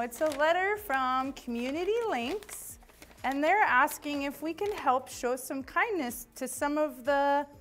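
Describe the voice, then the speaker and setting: A woman's voice: sits high, fairly bright tone. A woman teaching a children's church lesson, chatty and encouraging, leading a drawing activity, with faint music behind. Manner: chatty and encouraging, with playful asides. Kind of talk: upbeat lesson for young children.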